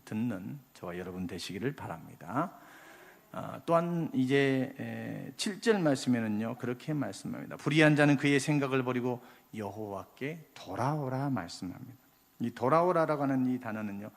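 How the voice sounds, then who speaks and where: A male pastor delivers a Sunday sermon in a church sanctuary, his slightly husky voice carrying a long hall reverb. He preaches with passion, pressing key lines loudly and then dropping to near-quiet asides. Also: mid-range voice. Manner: impassioned preaching, rising loud then dropping soft.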